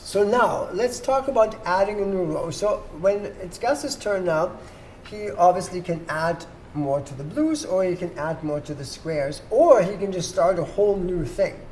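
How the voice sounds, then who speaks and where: Hosting at a table, someone patiently explains how a board game works and checks that the players understand. Their mid-range voice moves at normal speed with a slightly mellow quality, and the room is noisy with background ambience.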